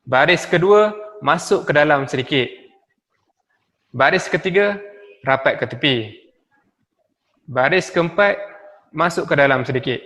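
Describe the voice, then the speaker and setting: A man with a Malaysian Malay accent teaching a lesson on poetry, spelling out rhymes slowly and reciting verses. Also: a little high, expressive, a bit bright, long reverb tail. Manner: slow, spells out letters and rhymes, recites verse with rising and falling intonation. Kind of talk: recorded classroom lesson on poetry.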